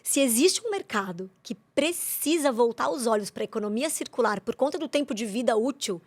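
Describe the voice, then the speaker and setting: A woman, a guest explaining the children's market in a persuasive, animated way. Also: a little high, normal speed, dry recording. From Brazil. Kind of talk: interview conversation.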